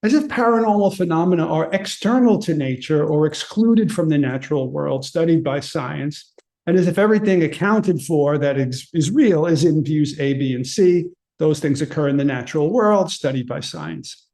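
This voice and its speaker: Brief: male presenter reading his paper, earnest and measured, with a fairly high voice. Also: expressive, gravelly, a little mellow. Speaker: conference presenter. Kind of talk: reading a prepared paper aloud.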